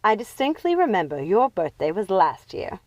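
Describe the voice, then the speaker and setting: A woman's voice: medium pitch, big pitch swings, normal speed, dry recording, muffled recording. A woman voicing a vain, domineering mother villainess in a storybook, theatrical and condescending. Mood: dismissive.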